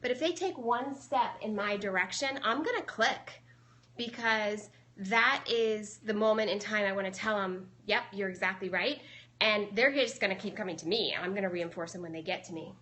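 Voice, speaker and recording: A young adult woman with a bright, forward voice, talking through her training methods in a loose, chatty way. She explains things step by step, with plenty of ums along the way, as she answers viewers live. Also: mid-range voice, moderate pace. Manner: chatty, explanatory, many fillers. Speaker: dog trainer.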